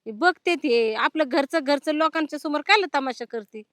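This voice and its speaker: A woman's voice: sits high, moderate pace, fairly bright tone, dry recording. An actress playing a village wife, pleading with her husband and scolding her sister-in-law. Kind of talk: Marathi village drama acting.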